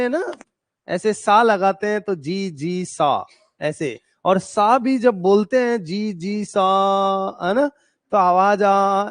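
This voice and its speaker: A man with a high voice and a slight tinge leads a classroom lesson. He speaks slowly and drags out each term as he builds mnemonics. The sound is dry and close. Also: dry recording. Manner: repeats terms slowly, spells out mnemonics; chatty, asks students questions. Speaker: Ayurveda coaching teacher. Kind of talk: classroom lecture with memory tricks. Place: coaching classroom.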